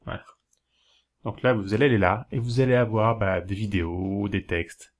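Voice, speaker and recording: A man talking casually to camera, giving practical tips in a rambling, hesitant way, with many fillers and self-corrections, slowing down to spell things out. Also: on the low side, fairly even intonation. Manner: explains slowly, spelling things out while writing. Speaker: video host giving learning tips.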